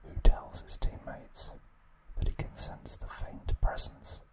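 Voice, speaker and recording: Breathy and without voicing, a man whispers a trivia recap for ASMR listeners, pausing between short, deliberate phrases.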